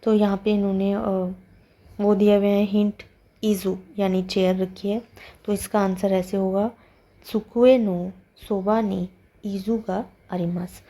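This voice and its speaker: Slow, mellow-voiced woman language teacher. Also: medium pitch, level tone. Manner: slow, careful explaining, drawing out the Japanese words. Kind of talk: explaining a textbook exercise.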